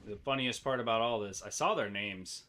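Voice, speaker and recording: A man's voice: on the low side, a little fast, pushed and bright, a little hiss or hum. A man giving rambling, joking commentary to himself while playing a game. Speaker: gameplay streamer. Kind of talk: casual gameplay commentary.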